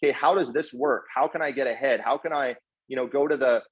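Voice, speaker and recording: A guest speaker who does network marketing, from Canada but partly raised in South Africa, delivers an informal motivational talk quickly in a slightly rough, medium-pitched voice. Earnest and effusively grateful, he uses slangy bro-talk and repeats words as he doubles back. The recording is dull, lo-fi online call audio.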